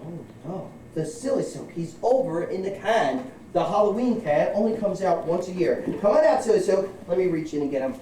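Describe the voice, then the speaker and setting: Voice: medium pitch, lively intonation, fairly quick, few pauses, warm tone. A children's party magician performing live patter for kids, playful and theatrical, with exaggerated exclamations and teasing asides. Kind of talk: live kids' magic show patter with audience call-and-response. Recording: distant, echoey, very noisy live room recording.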